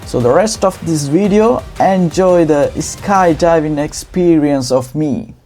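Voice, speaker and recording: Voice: mid-range voice, unhurried, warm tone. Informal vlogger voice-over over music. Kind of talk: vlog voice-over narration.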